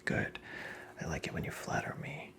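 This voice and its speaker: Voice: bright, forceful tone, natural voice. Creepy whispering Rumpelstiltskin, a tricksy imp acted out. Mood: sly, teasing. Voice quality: breathy whisper with gravelly creak. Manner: slow, theatrical, mockingly courteous. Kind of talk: whispered ASMR fairy-tale roleplay.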